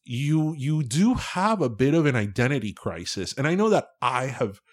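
A podcast host with a mid-pitched voice, chatting casually and reflectively. The host asks follow-up questions and laughs along with the guest. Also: sing-song, normal speed.

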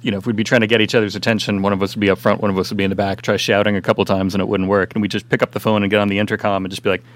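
A man with a low voice, easing into an anecdote in a relaxed podcast conversation, starting and restarting his sentences. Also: racing, hardly any pauses. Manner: storytelling, hesitant starts. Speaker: former comic store manager. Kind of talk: casual podcast chat.

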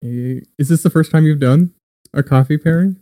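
A man's voice: on the high side, moderate pace, mellow, no echo. A young man hosting a podcast, chatting easily and describing flavors in an easygoing way. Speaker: podcast host. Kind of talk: casual tasting chat and scripted intro.

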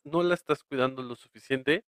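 A man's voice: medium pitch, normal speed, fairly bright tone, smooth, dry recording, studio quality. A man with a Mexican accent co-hosting a podcast, chatting casually, laughing often and trailing off mid-thought. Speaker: podcast co-host. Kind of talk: casual chat.

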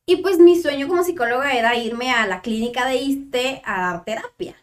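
A woman's voice: high voice, moderate pace. A young Mexican woman, a psychologist, telling a personal story in a casual interview and acting out remembered dialogue with animation. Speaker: psychologist guest.

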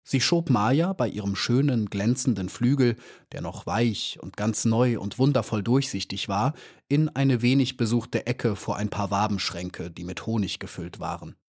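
A man calmly reading a children's storybook as narrator. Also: fairly low pitch, moderate pace, breathy edge. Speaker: audiobook narrator.

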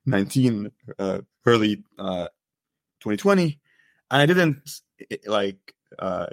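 A man's voice: lowish voice, dry recording, studio quality. A man in his thirties from Egypt, a podcast guest, talking hesitantly with many fillers. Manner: hesitant, full of uh and like, restarts. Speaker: guest researcher. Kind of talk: casual podcast interview.

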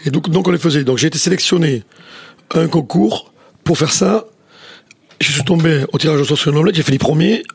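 A middle-aged chef from southwest France with a southwest French accent, telling stories in a rambling way with many restarts. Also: male voice, fairly high pitch, fairly quick, husky. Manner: rambling, many restarts, says "tu vois" often. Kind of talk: casual interview storytelling.

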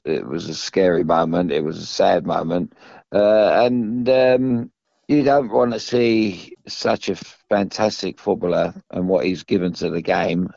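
An older British man in casual football discussion, halting and often restarting his phrases as a pundit. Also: sits low, gravelly, mellow, no room sound. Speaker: former professional footballer, pundit. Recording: dull, dry close recording.

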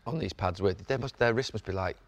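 A man's voice: fairly low pitch, a little fast. A British man interviewing in a casual, chatty way in an echoing gym.

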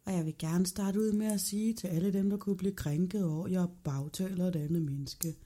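A woman's voice: lowish voice, mellow. A woman, chatting casually as a podcast co-host, blunt and teasing in everyday slangy language. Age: 30s. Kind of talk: casual chat.

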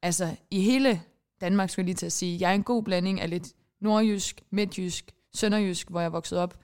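Danish podcast co-host gal, icelandic first language, giggly and rambling, laughs at herself. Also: female voice, lowish voice, a little mellow, smooth. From Denmark. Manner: giggly, rambling, self-mocking. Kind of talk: casual chat.

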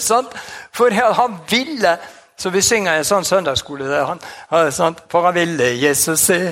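In a high voice, a man delivers a lively, exclamatory sermon. He chuckles often and sprinkles in amens and hallelujahs.

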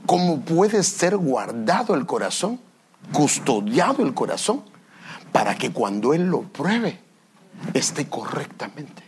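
A man's voice: fairly high pitch, sing-song, takes it slowly, a little hiss or hum. A man preaching a teaching sermon as pastor, explaining step by step, with restarts and repeated phrases. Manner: explains step by step, often saying "fíjese".

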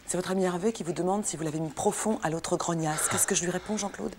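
An actress playing a stern, sarcastic boss. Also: female voice, lowish voice, quick pace, a little mellow, a little hiss or hum, natural voice. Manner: sarcastic, cutting, scolding. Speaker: office manager. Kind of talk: sitcom acting.

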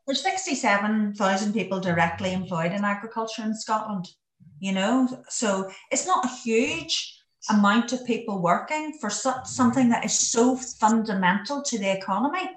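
A woman speaks from some way off in an echoey room. She has a west of Ireland accent from Donegal and talks in a chatty, plain-spoken interview style at a middling pitch. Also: animated, normal speed. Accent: Donegal Irish, west of Ireland. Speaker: podcast guest, farm safety charity worker. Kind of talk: casual interview talk. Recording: roomy echo, distant from the mic.

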